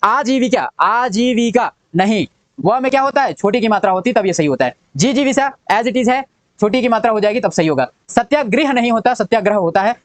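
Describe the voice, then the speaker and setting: Young guy doing a spelling lesson, rapid fire, dry mic. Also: sits high, lively intonation, no room sound. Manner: drilling, repeats each word and asks "what does it become". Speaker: teacher. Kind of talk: exam-prep spelling lesson.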